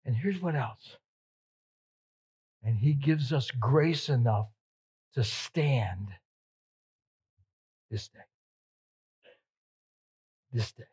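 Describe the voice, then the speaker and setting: A male pastor preaching a sermon, repeating words for emphasis and swinging between loud emphatic peaks and soft, hushed passages. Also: medium pitch, expressive, extremely slow, pauses often, breathy edge.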